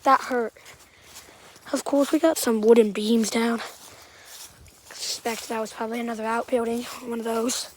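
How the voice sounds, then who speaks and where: A woman with a Southern-sounding accent walking outdoors through storm damage, giving halting, rambling commentary that often trails off quietly. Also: fairly high pitch, steady tone, slight background noise.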